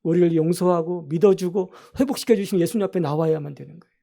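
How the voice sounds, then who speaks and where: Korean pastor guy preaching in church, high-ish mellow voice, keeps asking the congregation questions. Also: fast talker, gravelly. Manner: earnest preaching, asking the congregation questions and voicing quoted prayers. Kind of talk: sermon. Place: church sanctuary.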